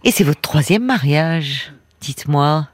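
A woman's voice: sits low, lively intonation, measured pace. Encouraging woman radio host. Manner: gently encouraging, frequent "oui" and "euh". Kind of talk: late-night call-in radio.

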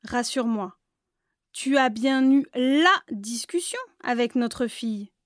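A woman's voice: fairly high pitch, slow pace, no echo, studio quality. Lady doing a cross witch mom, grumbly, scolding, storybook. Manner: scolding, exasperated. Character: stern, grumbling witch mother, majestic and cross.

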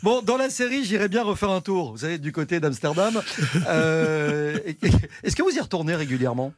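Lively male radio host. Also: a little high, no echo. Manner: lively, quick to laugh. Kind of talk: live radio show.

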